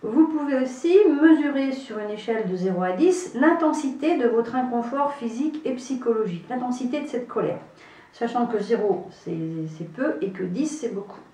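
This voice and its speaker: A woman leading an EFT tapping session, speaking in calm, repetitive instructions and affirmations. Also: a little high, moderate pace. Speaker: EFT practitioner. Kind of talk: guided EFT tapping demonstration. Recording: echoey room, voice from far off.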